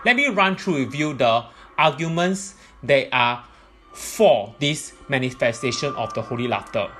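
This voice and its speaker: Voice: medium pitch, expressive, measured pace, bright, forceful tone, slight background noise. A presenter giving explanatory religious teaching in a methodical, point-by-point way.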